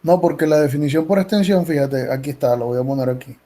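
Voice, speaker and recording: A man's voice: fairly high pitch, fast, warm tone. Man teaching math online, patient, keeps asking if everyone got it. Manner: patient, explanatory, checks in with "¿ya?". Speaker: math professor. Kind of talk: online class explanation. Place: video call meeting.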